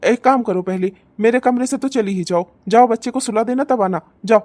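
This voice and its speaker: Woman doing a young cartoon husband, firm, reasoning, dry close sound, highish voice. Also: brisk, darkish tone, dry recording, lightly acted. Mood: stern. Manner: stern, then reasoning. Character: young husband, bossy at first, then calm.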